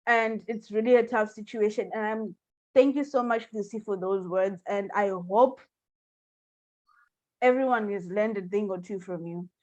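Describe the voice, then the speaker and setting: This woman, an advocate for mental health and epilepsy from Zimbabwe, joins a video-call panel and speaks at a normal pace in a medium, slightly mellow voice. She is fervent and emphatic, though the call's sound is dull.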